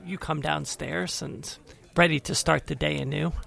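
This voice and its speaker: A man's voice: on the high side, steady tone, normal speed, vocal fry, a bit bright. A man narrating a tabletop fantasy game as the game master.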